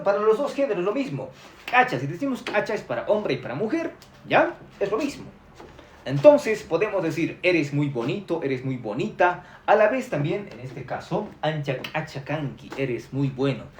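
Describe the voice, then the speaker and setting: A man's voice: a little high, roomy sound. A man teaching Quechua on a live stream, chatty and upbeat, reading out viewer comments and repeating words.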